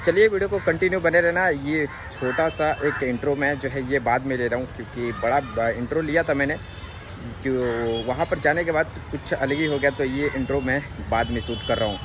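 A man's voice: medium pitch, fairly quick, long reverb tail, noisy background. A young man filming himself outdoors by the sea, talking casually with many filler phrases and some English words mixed in. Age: young adult. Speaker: vlogger. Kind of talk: casual travel vlog. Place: outdoors by the sea, seaside garden. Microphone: phone at arm's length.

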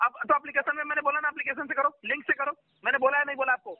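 A man's voice: very high-pitched, flat delivery, very fast, no room sound. A man working as a loan recovery agent in a heated phone argument. He is agitated, keeps demanding to be heard, and talks over the other man. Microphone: phone call. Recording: tinny phone line.

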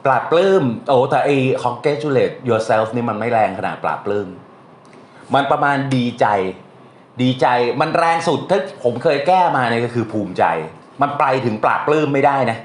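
A man teaching a translation class in a casual, chatty way, often quizzing his students with questions. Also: mid-range voice. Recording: echoey room with faint noise.

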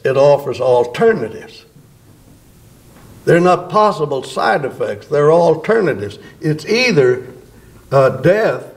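An older man, a pastor, preaching a sermon at a church podium microphone, drawing out words for emphasis. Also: mid-range voice. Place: church sanctuary before a bank of flowers.

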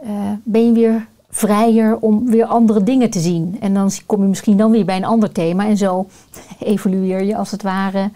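Mellow-voiced woman coach, thoughtful and searching. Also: medium pitch, fairly even intonation, normal speed. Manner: thoughtful, searching for words with many fillers. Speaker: guest, coach and family constellation facilitator. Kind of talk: reflective podcast conversation.

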